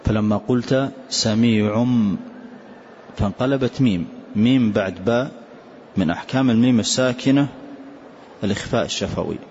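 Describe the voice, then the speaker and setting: A man teaching a tajweed lesson, explaining slowly and reciting short words to demonstrate pronunciation. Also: fairly low pitch, darkish tone. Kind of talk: classroom lesson on tajweed rules. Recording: dull lo-fi lecture recording with faint hiss.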